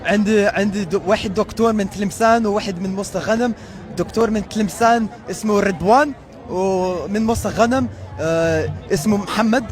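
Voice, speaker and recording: A young man with an American accent, a native English speaker, talking casually and haltingly in a street interview. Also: high-pitched. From United States. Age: young adult. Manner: halting, searching for words. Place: busy city square outdoors. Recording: street crowd, faint music behind.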